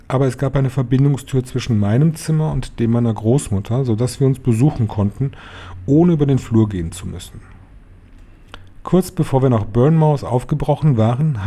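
A man reading a children's novel aloud in a calm, even storytelling voice. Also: medium pitch. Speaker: reader. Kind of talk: audiobook narration.

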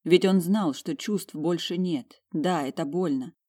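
A woman's voice: on the low side, measured pace, mellow. A woman reads a first-person audiobook with emotional, introspective storytelling. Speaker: audiobook narrator.

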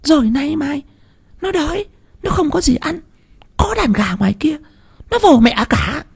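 A shrill nagging old village wife. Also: male voice, sing-song, a little slow, creaky, heavily acted. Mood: scolding. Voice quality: high, strained, nagging.

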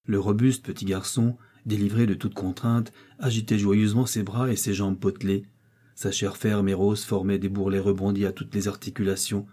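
A man narrating a novel in a measured storytelling delivery. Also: fairly low pitch, level tone, mellow. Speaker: audiobook reader.

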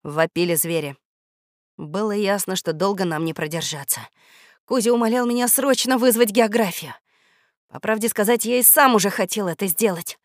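A woman narrating a children's audiobook in a lively, expressive manner. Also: medium pitch, moderate pace, no echo, clean studio sound.

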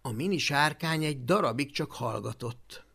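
An audiobook reader narrating a children's story in an animated, expressive way. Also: medium pitch, vocal fry, slightly rough.

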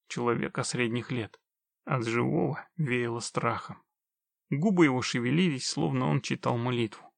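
A man narrating an audiobook in a steady, measured storytelling manner. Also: medium pitch, creaky, no echo.

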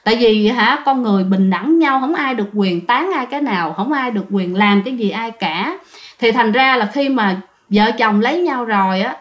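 A woman's voice: on the high side, expressive, moderate pace. A woman, telling ghost stories in a chatty way and talking straight to her listeners. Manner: chatty, addresses listeners directly. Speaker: storyteller. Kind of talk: casual ghost-story narration.

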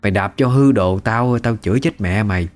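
A man voicing a cranky, sharp-tongued bedridden old mother-in-law who scolds with coarse insults. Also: lowish voice, normal speed, close to an everyday voice. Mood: scolding.

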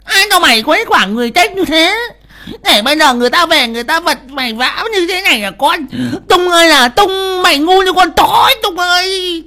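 A narrator voicing a shrieking old village mother, wailing and scolding her son in a shrill voice. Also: wildly swooping pitch, fairly quick, pushed and bright, exaggerated voice. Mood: furious wailing.

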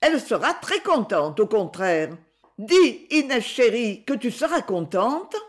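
An eager, cheerful young schoolboy, put on by a woman reading an audiobook, speaks in a high, bouncing voice. His lines swing up and down with earnest excitement. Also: unhurried. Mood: pleading. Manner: bright, pleading, enthusiastic.

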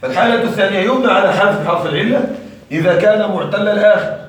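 A man's voice: high voice, racing. A man teaching Arabic grammar to a class, stopping often to ask the students whether they follow. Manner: asks the class frequent check questions. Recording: echoey room, mic far off.

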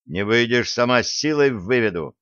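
Bossy starship captain played by a man, gruff and irritable, commanding, medium-pitched, dry slightly muffled sound. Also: animated, normal speed, fairly bright tone, dry recording, lightly acted. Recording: dry, slightly dull audio.

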